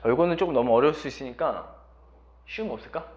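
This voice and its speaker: A man's voice: medium pitch, quick pace, highs cut off. A man teaching a language lesson who keeps quizzing his students as he explains. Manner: lively, constantly quizzing students. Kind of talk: classroom lecture.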